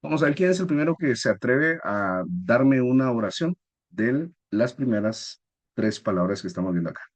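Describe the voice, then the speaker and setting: A man's voice: mid-range voice, lively intonation, moderate pace. A man teaching a spelling lesson, explaining patiently and asking his class questions.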